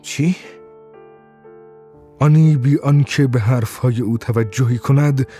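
A man reading a story aloud as an audiobook narrator in a steady, measured way. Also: medium pitch, faint music behind. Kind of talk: scripted narration.

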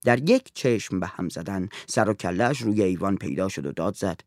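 A man narrating a story in an expressive reading voice. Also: low voice, no room sound, clean studio sound.

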